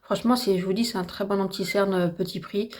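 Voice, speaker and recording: A slightly hoarse woman with a French accent chatting casually and enthusiastically through a makeup tutorial at home, with lots of fillers. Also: mid-range voice, fairly even intonation, quick pace, a little mellow. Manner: chatty, enthusiastic, repeats herself with many fillers. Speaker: beauty vlogger. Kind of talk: casual get-ready-with-me makeup chat.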